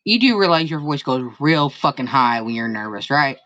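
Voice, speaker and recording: A woman's voice: a bass voice, sing-song, moderate pace, fairly bright tone, highs cut off. A woman co-host teasing her partner in casual banter. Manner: teasing, drawling. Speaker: podcast co-host.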